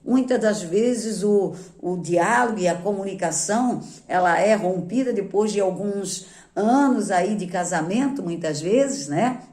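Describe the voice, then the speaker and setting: A woman pastor, speaking at a mid pitch with a calm, measured delivery. She keeps checking in with her listeners through short tag questions. The recording carries a noticeable echo, as if made in a bare room. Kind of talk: teaching on marriage.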